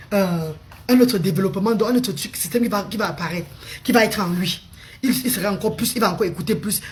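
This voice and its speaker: Chatty woman live-streaming. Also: mid-range voice. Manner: repeats words, calls viewers pet names. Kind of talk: casual live-stream talk to viewers.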